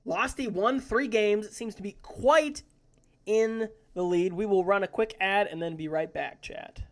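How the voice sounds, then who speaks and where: An esports caster giving live play-by-play commentary on a mobile battle royale tournament, breaking into excited exclamations. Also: medium pitch, measured pace.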